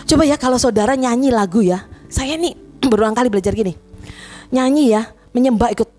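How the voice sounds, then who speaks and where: Woman pastor preaching, high voice, lively and emotional, soft music under it. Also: fairly quick. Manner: animated, addresses congregation as "saudara", emotional retelling of prayer. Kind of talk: sermon. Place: church.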